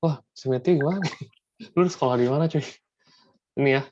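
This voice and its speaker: A man's voice: on the high side, normal speed, a little mellow, dry recording. A man tutoring math in a casual online lesson, slangy and dropping English math terms into his talk. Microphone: video call. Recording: dull lo-fi video call audio.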